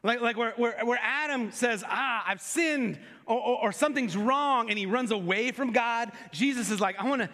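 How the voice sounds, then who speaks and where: A male pastor preaching a sermon, retelling scripture in casual everyday words and swinging from intense pleading to hushed, quiet delivery. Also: very high voice, moderate pace, few pauses, in a large hall. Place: church sanctuary.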